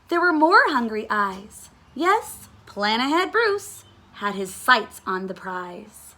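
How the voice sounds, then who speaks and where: A woman reads a children's story aloud, slowly and deliberately. Her voice is high and bright, and she leans on key words for dramatic effect, like a teacher at story time. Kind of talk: expressive storybook read-aloud.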